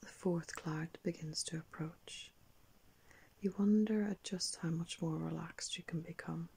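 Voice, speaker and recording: An older woman narrating a guided meditation like a sleep story, in a soft, breathy whisper, calm and unhurried with long pauses. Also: on the low side. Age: older, around 60s. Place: small indoor room.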